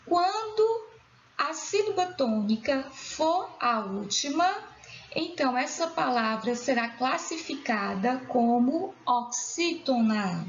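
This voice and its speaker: A woman teacher with a Brazilian Portuguese accent, giving a recorded school lesson for children in a slow, clear, drawn-out voice. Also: high-pitched, sing-song. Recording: dull lo-fi sound in an echoey room.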